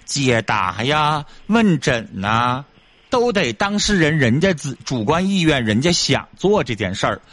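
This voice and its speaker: A man's voice: medium pitch, big pitch swings, measured pace, a bit bright, no room sound. A man hosting a radio call-in advice show, lecturing callers bluntly.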